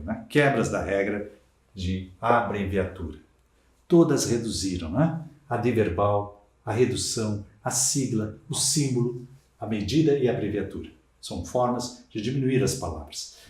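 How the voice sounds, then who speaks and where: Brazilian man teaching Portuguese, lively and emphatic, mellow tone, classroom echo. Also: fairly low pitch. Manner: lively, emphatic teaching with frequent rhetorical tags. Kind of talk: recorded exam-prep lecture. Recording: echoey room.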